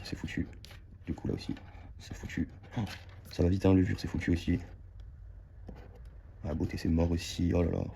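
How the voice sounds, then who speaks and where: Scratching lottery tickets on camera, a man keeps up a relaxed running commentary for his audience, repeating words as he checks them. He's a scratch-card vlogger with a low, mellow voice, and there's slight background noise.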